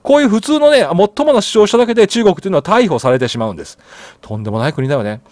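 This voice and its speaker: A man's voice: high-pitched, expressive, racing, darkish tone, no room sound, studio quality. A man hosting a solo news commentary channel, reading articles aloud and chatting about them with frequent fillers and tag questions.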